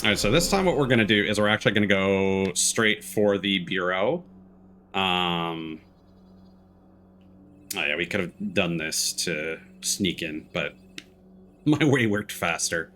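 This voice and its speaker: Over video game music, a male streamer muses in an amused, relaxed way about his gameplay. His voice sits low and is a bit bright, and he talks at a measured pace with long pauses.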